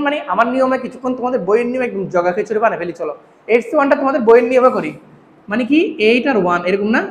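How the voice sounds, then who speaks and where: A man's voice: extremely high pitch, fairly bright tone. A man teaching a math class, constantly quizzing his students with questions. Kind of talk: classroom lecture. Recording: echoey room, faint hum.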